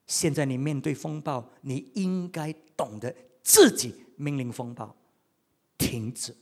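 A male pastor preaching a sermon with animated delivery, swinging between loud outbursts and quiet asides and repeating words for emphasis. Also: medium pitch, unhurried.

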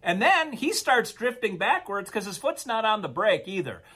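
A man co-hosting a podcast, telling a long story in a casual, animated, rambling way. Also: sits high, moderate pace. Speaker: podcast co-host.

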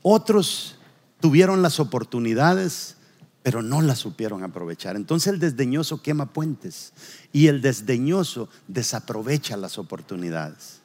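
A man's voice: mid-range voice, a little slow. Man preaching in a reverberant church. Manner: acts out characters' lines in a lively storytelling voice. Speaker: pastor. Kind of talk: sermon with storytelling. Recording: long reverb of a church hall.

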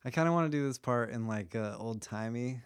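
A young man hosting a casual podcast, explaining a topic to a friend in a laid-back, joking way with quick asides. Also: mid-range voice, smooth, no echo, studio quality. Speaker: podcast host.

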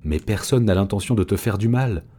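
A man's voice: fairly low pitch, lively intonation, a little fast, mellow, voice pushed up. A man doing a big, earnest tomcat. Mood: urgent. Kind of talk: audiobook reading.

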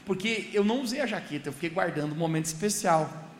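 A young man with a high-pitched, expressive voice talks fast as he preaches a sermon like a chatty story, often speaking straight to the congregation. It's a church service in a large, echoey hall, with faint background hiss.

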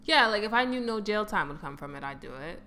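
A woman's voice: medium pitch, expressive, quick pace, pushed and bright. A woman in casual, candid chat, wry and slangy, with some swearing. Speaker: podcast co-host. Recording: some background noise.

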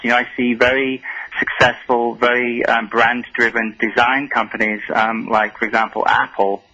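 A man's voice: medium pitch, gravelly, pushed and bright, husky. A man calling in to a radio show over a clipped phone line, talking hesitantly with many fillers. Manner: hesitant, full of um and you know. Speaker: radio call-in caller.

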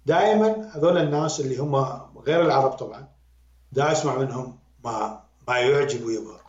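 A man with an Iraqi accent, a music critic and podcast guest, talking in an animated, emphatic way and repeating words to drive his point home. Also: mid-range voice, fast talker. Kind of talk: conversational critique. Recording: roomy, dull lo-fi sound.

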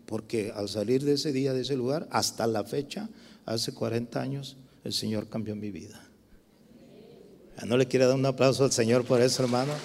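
A man's voice: mid-range voice, gravelly. A middle-aged man with a Mexican Spanish accent, preaching a sermon with a personal testimony in a conversational way, full of tag questions and restarts. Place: church. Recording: church hall with long reverb.

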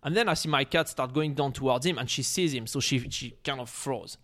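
A man's voice: mid-range voice, brisk. A young adult man casually telling a long story, rambling with many fillers and acting out what people said. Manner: rambling, many fillers, acts out quotes in shouted voices. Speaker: storyteller on a chat show.

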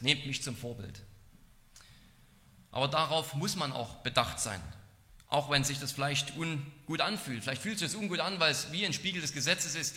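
Male preacher, earnest and measured, very bright tone, long hall echo. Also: mid-range voice. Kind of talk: expository sermon.

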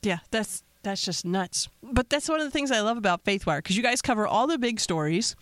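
A man hosts a podcast and keeps the talk going in a chatty, affirming way, often chiming in with quick agreements. His voice sits high for a man, and the sound is dry and close, with no room around it. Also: lively intonation, a bit bright, dry recording. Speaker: podcast host. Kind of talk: casual interview chat.

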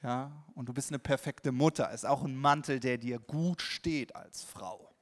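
A man's voice: mid-range voice, steady tone, measured pace. A middle-aged man giving a personal, conversational sermon, often breaking off and restarting, and acting out his own inner voices. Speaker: preacher. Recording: long reverb of a large hall.

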